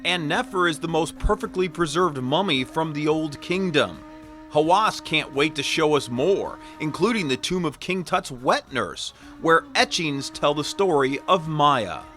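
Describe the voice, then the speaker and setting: A man reads documentary narration in a smooth announcer's manner. His voice is bright and forceful and sits slightly high. Faint music plays beneath it. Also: animated, measured pace.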